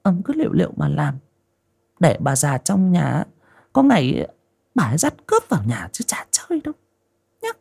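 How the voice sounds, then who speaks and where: A man's voice: high voice, wildly swooping pitch, unhurried, gravelly, pauses often, breathy edge, voice pushed up, heavily acted. A man doing a scheming, whispering wife. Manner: sulky, hissing half-whispers.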